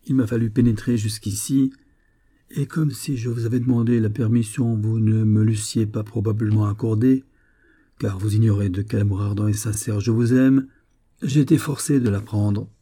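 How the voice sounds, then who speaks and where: A man's voice: fairly low pitch, steady tone, normal speed, warm tone, close to an everyday voice. A man voicing a smug, predatory young army officer in a read-aloud story, mocking and sneering.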